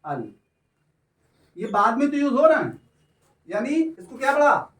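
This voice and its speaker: A male chemistry teacher lectures a class in a very high-pitched, very animated voice, keeping a measured pace and a fairly bright tone. He draws out his words and keeps asking whether the students understand. The room is echoey and he sounds far from the mic.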